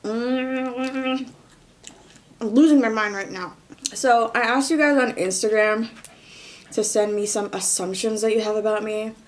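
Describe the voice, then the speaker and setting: A woman's voice: medium pitch, moderate pace. Woman chatting with her mouth full, noisy background. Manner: playful, expressive, sassy. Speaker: vlogger doing a mukbang and Q&A. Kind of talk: casual chat to camera while eating.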